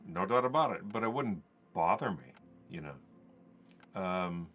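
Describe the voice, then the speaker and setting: Low-voiced man telling stories casually. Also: animated, slow, a bit bright, slight background noise. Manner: rambling, conversational, acts out quoted dialogue. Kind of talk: casual podcast storytelling.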